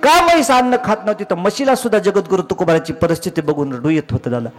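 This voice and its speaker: A man preaching a comedic devotional kirtan, telling lively stories and often calling out to the crowd. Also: high-pitched, fast. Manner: animated storytelling, acting out each character; often addresses the crowd as maharaj and baba.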